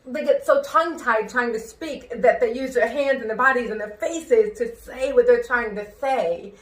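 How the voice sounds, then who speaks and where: A woman's voice: on the high side, normal speed. Woman with distorted, w-like r sounds, echoey room. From New York, United States. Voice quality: hearing-impaired speech with distorted r sounds, closer to w or a rolled r. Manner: careful pronunciation with worked-on inflection; expressive, emphatic. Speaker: singer and show host. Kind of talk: personal conversational talk.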